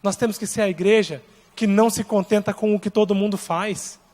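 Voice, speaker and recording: A male Brazilian pastor preaching with a Brazilian accent, telling a story and acting out its dialogue, swinging between hushed and loud. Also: sits high, steady tone, a little fast, long reverb tail. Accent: Brazilian Portuguese. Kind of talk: sermon. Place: large church hall.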